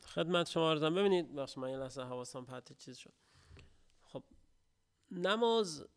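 A middle-aged man delivers a religious lecture in a gravelly voice that sits a little high for a man. He talks haltingly, pausing and restarting, and then lifts into strong, emphatic stresses. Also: expressive.

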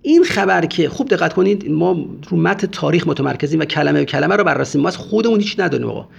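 A man's voice: on the high side, expressive, creaky, slightly rough. A man giving a religious history lecture, speaking emphatically and often urging listeners to pay close attention. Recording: dull lo-fi recording.

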